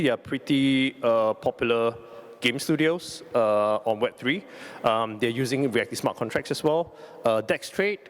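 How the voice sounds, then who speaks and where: A man presenting a conference lightning talk in an informal, conversational way, often repeating words and correcting himself as he goes. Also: medium pitch. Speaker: company CEO presenting.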